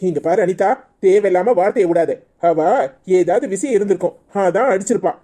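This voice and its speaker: Woman doing a fed-up husband, mellow voice, grumbly, kanyakumari tamil accent. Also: mid-range voice, brisk, lightly acted. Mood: irritated. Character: exasperated husband, grumbling and dismissive.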